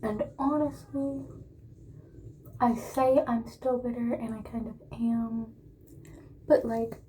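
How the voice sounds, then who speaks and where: Chatty girl doing a makeup storytime, mellow voice, lots of exclaiming and whispery bits. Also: a little high, little pitch movement, slow pace, slight background noise. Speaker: vlogger.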